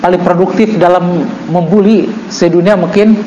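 A man teaching an Islamic book study. He reads Arabic text slowly, then explains it with joking asides. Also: high-pitched, steady tone, mellow, reverberant, muffled recording, a little hiss or hum. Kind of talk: religious book study lesson.

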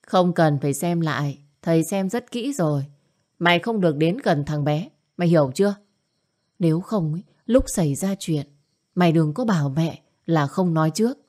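A woman's voice: low voice, expressive, normal speed, a little mellow. A woman voicing an older, domineering mother who scolds and wails in self-pity. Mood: nagging. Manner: scolding, nagging, wailing.

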